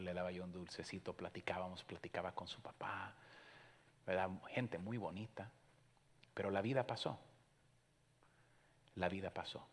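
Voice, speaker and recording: A man preaching a sermon as pastor, moving between hushed storytelling and loud, emphatic exhortation, with English fillers dropped in. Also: fairly low pitch. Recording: long hall reverb.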